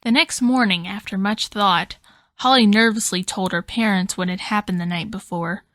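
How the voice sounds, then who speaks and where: A woman narrating a storybook tale in an expressive, dramatic way. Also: medium pitch, normal speed, no room sound.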